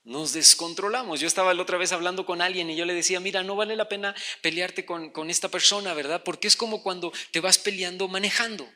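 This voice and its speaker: A male pastor preaches in a very high, piercing, bright voice. His talk is conversational and lively, and a long hall reverb trails each phrase. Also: fast, few pauses. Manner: conversational and animated, addressing listeners as "hermano". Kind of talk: sermon.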